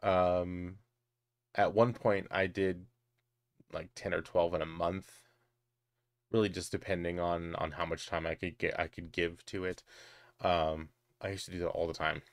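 This crafting-channel host, a middle-aged man, speaks low with little pitch movement, at a measured pace broken by long pauses, on a dry recording. Hiccuping, he fields viewer questions about crochet and knitting in a chatty, halting way full of ums and restarts.

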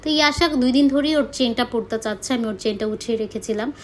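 A young woman from Bangladesh talks through her day in a chatty vlog voice-over, slipping English words into her sentences. Her voice sits a little high. A faint hiss of ambient noise runs underneath. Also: fast. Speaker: vlogger. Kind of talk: casual vlog voice-over narration.

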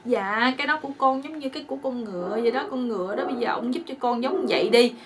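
A woman's voice: a little high, quick pace, recorded from a distance, slight background noise, voice pushed up, close to an everyday voice. A woman voicing a timid, whiny husband who wails and pleads for help. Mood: pleading. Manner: wailing, pleading.

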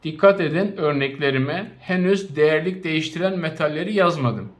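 Male chem teacher, slightly high voice, drags out each compound name, keeps recapping for the class. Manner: slow, spelled-out naming of compounds with frequent recaps; addresses students directly. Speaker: chemistry teacher. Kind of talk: recorded classroom lesson.

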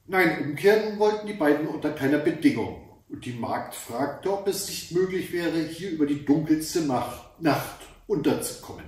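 A man reading a fairy tale aloud as a storyteller, calm and measured. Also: on the high side. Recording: very echoey room, voice from far off.

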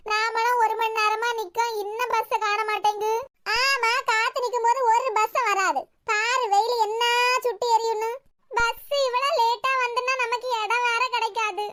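A woman with a Kanyakumari Tamil accent voicing all the quarrelling village women of a cartoon short. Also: fairly bright tone. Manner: quarrelsome, rapid banter in high cartoon voices. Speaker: cartoon voice artist.

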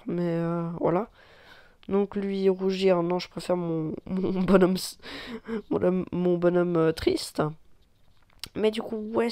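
A man from France giving casual let's-play commentary on a mobile tank game, excitable and quick to swear and cry out at the action. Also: high-pitched, clear, resonant tone, no echo, studio quality. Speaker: gaming YouTuber.

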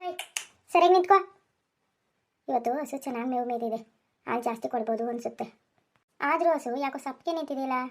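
A woman's voice: a little high, fairly even intonation, fast talker. A woman voicing a fussy middle-aged village farmer husband in a cartoon, grumbling and nagging. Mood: impatient. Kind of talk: Kannada cartoon voice acting.

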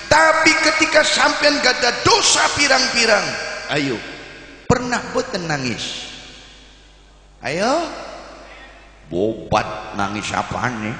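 Man, live preacher; slow, lively, jokey delivery with shouted peaks; recorded in a booming, reverberant hall. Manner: jokey, questions the audience directly; swings between soft asides and shouted exhortation. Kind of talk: live sermon to a crowd. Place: large hall at a live religious gathering. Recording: echoey hall with long reverb.

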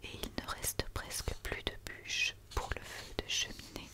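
A woman reads a story aloud in a quiet, soothing night-time whisper, as in ASMR, close to the microphone. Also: a little slow. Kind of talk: whispered ASMR reading of a children's tale.

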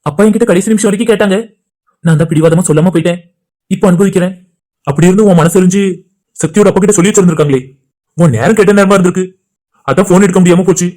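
A man's voice: high-pitched, mellow. A man voicing friends in casual banter for a home-made cartoon. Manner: rapid, chatty everyday banter between friends. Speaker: cartoon channel creator voicing all characters. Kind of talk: cartoon dialogue voice acting.

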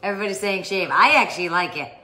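A woman with a bright, forceful voice hosts a casual home livestream. She talks playfully and teases her co-host. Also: fairly low pitch, rapid-fire, faint music behind. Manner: playful, teasing.

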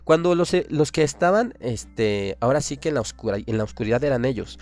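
A man's voice: medium pitch, expressive, a little fast, a little mellow. Impassioned Mexican man ranting on air. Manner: impassioned, ranting, full of rhetorical questions. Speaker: radio show host. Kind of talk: opinionated monologue.

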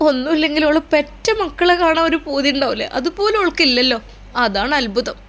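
A woman's voice: high voice, lively intonation, fairly quick, fairly bright tone. A woman playing a plaintive Malappuram mother. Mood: sorrowful. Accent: Malappuram Malayalam. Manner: plaintive, complaining. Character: sorrowful middle-aged mother, lamenting her daughter.

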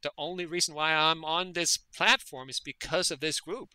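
In a conversational interview, a Danish veterinary parasitologist speaks as a guest with a voice on the high side, bright and forceful yet smooth. His tone stays steady at a normal speed, and the recording is dry. He speaks earnestly, often repeating words while gathering his thoughts.

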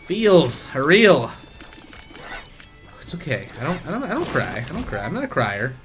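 Animated, joking male game streamer. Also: fairly high pitch, normal speed, faint music behind. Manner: jokey, excitable, reads out donations. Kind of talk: live gameplay commentary.

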